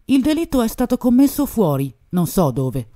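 A woman's voice: on the high side, sing-song, moderate pace, dark tone, pitched above the performer's own voice. Woman voicing a cagey male club owner. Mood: protesting.

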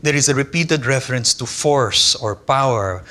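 Speaking into a lectern mic before an audience in a big lecture hall, an older man, a native Tagalog speaker, reads an academic conference lecture aloud. His bright voice is medium-pitched and expressive yet measured, paced deliberately with careful pauses.

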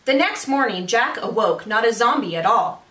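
With a fairly high, bright, forceful voice, a teacher in her thirties reads a children's book animatedly at a moderate pace. She's recorded in a small brick-walled room by a camera a few feet away, giving the sound an echoey, distant quality.

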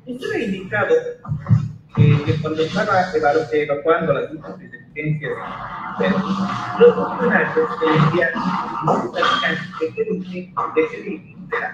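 A man, a defense lawyer, questioning the witness in a halting way and correcting himself as he goes. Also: a little high, wildly swooping pitch, heavy reverb, distant mic, highs cut off, over loud music. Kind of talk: courtroom questioning.

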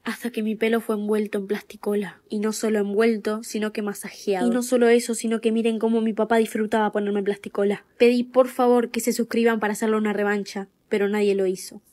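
A woman, reading a short scripted storytime in a mock-dramatic, deadpan way. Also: mid-range voice, fast talker, hardly any pauses.

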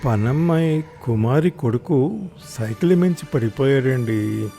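A man reading the part of a timid young wife who pleads slowly and hesitantly in a told story. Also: mid-range voice, animated, soft background music. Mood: hesitant pleading. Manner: slow, hesitant, soft-spoken.

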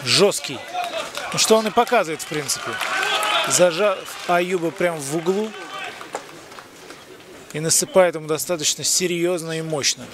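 A man's voice: on the high side, moderate pace, pauses often, a crowd in the background, background noise. A man giving live boxing commentary in a conversational way. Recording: loud music behind the voice. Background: loud music, event hall sound.

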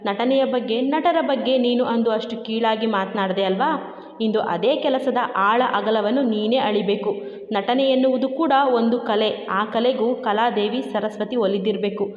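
A woman's voice: fairly high pitch, a little slow, natural voice. A woman voicing a sarcastic young husband who teases his wife in a smug, mocking way, in a story reading. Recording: dull echoey room with long reverb.

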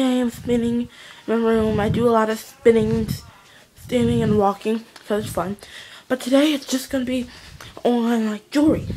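Young girl vlogging in her room, kinda high voice, lots of ums, noisy camera mic. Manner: chatty, rambling with many fillers. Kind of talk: casual show-and-tell vlog. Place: her bedroom. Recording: home video with background noise.

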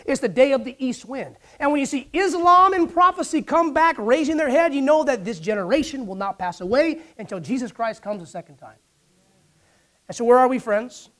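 A preacher giving a sermon, asking the congregation for responses and acting out Bible figures in dialogue. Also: high voice.

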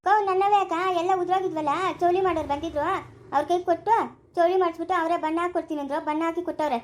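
A woman's voice: extremely high pitch, steady tone, very fast. Woman playing a scolding village busybody. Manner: loud calling and scolding. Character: nosy scolding village woman, sharp-tongued.

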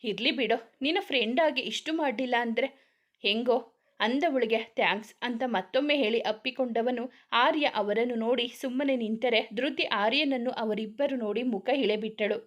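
A woman reads a serialized romance story aloud. Her voice sits somewhat high for a woman. She speaks every character's lines in much the same voice as her narration. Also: moderate pace, lo-fi sound.

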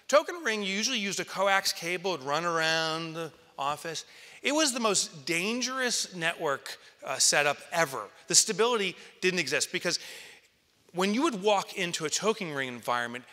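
Animated keynote speaker in a big hall. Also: male voice. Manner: lively storyteller, acts out quotes and jumps to excited highs. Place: large conference hall, on stage in front of an audience. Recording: reverberant hall.

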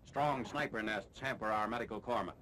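A man narrating a 1940s wartime newsreel in a brisk, authoritative announcing manner, from an old newsreel soundtrack. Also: lowish voice. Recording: old newsreel with loud noise.

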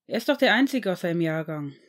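A woman voicing an eager, pushy teenage boy wizard who speaks quickly and a little awkwardly in a fan-fiction audiobook. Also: lowish voice, expressive, natural voice.

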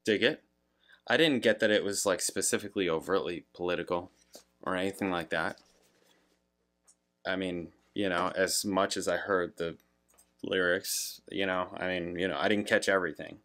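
Low-voiced man musing casually. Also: moderate pace, fairly bright tone. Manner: rambling, many fillers, laughs, reads lyrics aloud. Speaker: music reaction host. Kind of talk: casual reaction commentary.

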